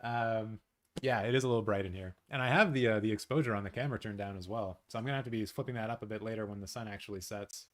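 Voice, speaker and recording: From his apartment, a Canadian man hosts a live awards watch-along stream, speaking quickly in a voice on the low side. He chats casually, responding to viewer comments with excitable, rambling asides.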